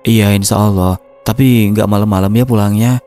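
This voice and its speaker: A man voicing a sweet, gentle teenage schoolgirl who speaks softly and with care. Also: on the low side, steady tone, moderate pace, soft background music, natural voice.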